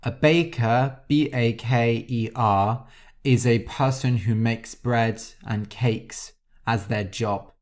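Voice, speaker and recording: A man hosting a podcast and teaching vocabulary for learners in a slow, deliberate way, spelling out words letter by letter. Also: medium pitch, fairly even intonation, darkish tone. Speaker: podcast host. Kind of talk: scripted vocabulary lesson for learners.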